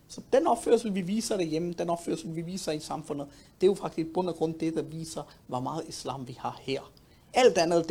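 Emphatic high-voiced husky man. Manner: emphatic, animated, repeats words when stressing points. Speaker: panel speaker. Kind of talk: religious youth talk.

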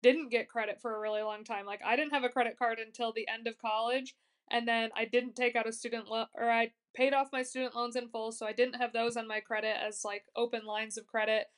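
A woman's voice: on the high side, flat delivery, brisk, clear, resonant tone. Chatty young woman podcast host. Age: 20s. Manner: chatty, many "like" fillers, laughs easily. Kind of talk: casual podcast chat.

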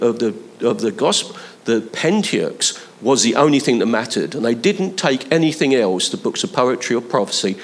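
A man preaching a conversational sermon, building to emphatic appeals to his listeners. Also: medium pitch. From London, England.

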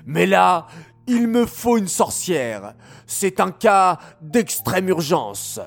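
A man's voice: a little high, lively intonation, takes it slowly, gravelly, a little mellow, soft background music, exaggerated voice. A man playing an anguished lamenting old king. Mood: urgent. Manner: lamenting, sing-song pleading. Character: desperate anxious old king, commanding.

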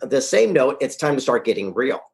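A man speaking as an interview guest, his voice sitting in a middle pitch. He sounds upbeat and punchy, making his points in a blunt, casual way. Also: sing-song, moderate pace, gravelly. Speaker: guest, author and event founder. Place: Carlsbad, California.

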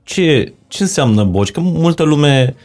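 A man's voice: a little high, animated, a little mellow. A man hosting a podcast interview, reflective and searching for words as he asks questions. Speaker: podcast host. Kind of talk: interview conversation.

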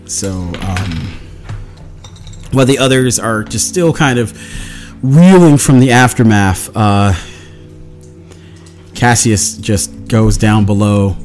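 A man's voice: lowish voice, slow, long pauses, a little mellow, faint music behind. Man rambling through a game recap. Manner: meandering storytelling, acts out quotes. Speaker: tabletop game player. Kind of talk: casual campaign recap.

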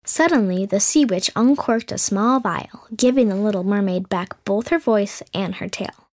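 A woman's voice: mid-range voice, normal speed, darkish tone. A woman telling a fairy tale as the show's storyteller in scripted narration, with playful, sarcastic asides.

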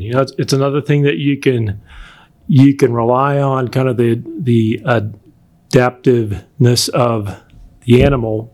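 Male interviewee, rancher type, explanatory and measured, halting delivery with throat-clearing. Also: medium pitch, darkish tone. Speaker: bison producer being interviewed.

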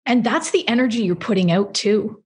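A woman's voice: mid-range voice, animated, moderate pace, a little mellow. A woman co-hosting a business podcast, chatting enthusiastically, laughing often and acting out little quoted thoughts. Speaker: podcast co-host, business coach. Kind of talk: casual chat.

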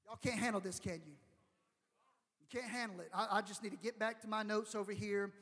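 A young adult male pastor, preaching with a sung, chanting cadence and dropping into quick, low asides. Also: fairly even intonation, a bit bright. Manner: shifts into fast, low, conversational asides. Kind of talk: sermon. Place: church fellowship hall. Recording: long hall reverb.

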